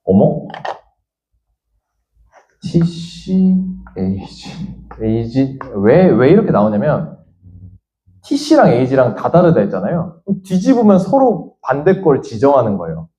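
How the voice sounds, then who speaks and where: A man's voice: mid-range voice, sing-song, a little slow, dark tone. A man teaching science in a lecture, thinking aloud as he works through a problem and voicing students' questions himself. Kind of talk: lecture with a worked example. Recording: dull lo-fi lecture audio.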